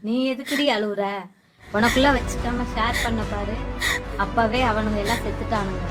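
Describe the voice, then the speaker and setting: Give me a woman playing a firm, encouraging friend with a slightly high voice, with music behind. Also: steady tone, moderate pace, lightly acted. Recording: loud background music.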